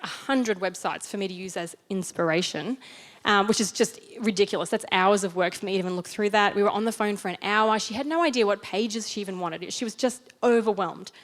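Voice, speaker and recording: A woman's voice: medium pitch, fairly quick. A woman with an Australian accent giving a conversational sermon, telling a personal story in a chatty, self-deprecating way. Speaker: church speaker.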